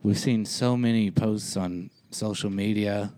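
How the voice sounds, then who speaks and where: A man's voice: on the low side, fairly even intonation, a little slow, dark tone. A man co-hosting a podcast in casual chat, laid-back, with many fillers and casual swearing. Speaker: podcast co-host.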